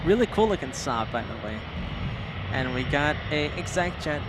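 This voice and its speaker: Fairly high-pitched and very animated, a man talks at a moderate pace while hosting a casual plane-spotting livestream outdoors by an airport. He chats, exclaims, comments on what he sees and reads viewer messages aloud. Aircraft and vehicle noise from the airport fills the background.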